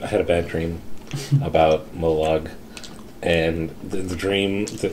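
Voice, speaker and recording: A man playing a tabletop game, talking in a rambling, halting way and breaking into laughs. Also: low-pitched, steady tone, darkish tone, a little hiss or hum. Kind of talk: casual in-character game chat.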